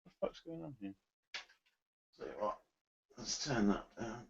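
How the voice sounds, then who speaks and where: A man's voice: medium pitch, expressive, normal speed, vocal fry, a little hiss or hum. A casual podcast co-host at his home desk, his microphone cutting in and out from a loose connection. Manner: loose and casual, swears in passing. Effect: mic cutting in and out from a loose connection. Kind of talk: casual chat. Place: home desk, recording himself. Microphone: desk microphone with headphones. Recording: dull, muffled podcast audio with dropouts.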